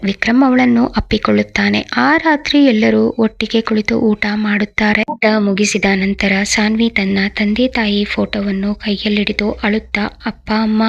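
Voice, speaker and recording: Woman narrating a romantic story, gravelly. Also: medium pitch. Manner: reads both lovers' lines in her own voice. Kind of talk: scripted storybook narration voicing all characters. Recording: dull lo-fi audio.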